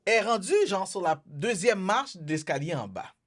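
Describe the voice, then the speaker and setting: A man's voice: high-pitched, expressive, normal speed, a bit bright. A young man with a Quebec French accent telling a story in casual podcast chat, mixing in English slang and acting out quotes. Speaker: podcast host.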